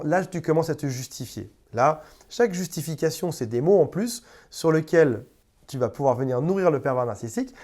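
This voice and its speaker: This relationship coach is a man whose voice runs on the high side with a darkish tone. Addressing the camera informally, he offers conversational advice, frequently repeats words and plays out short quoted exchanges.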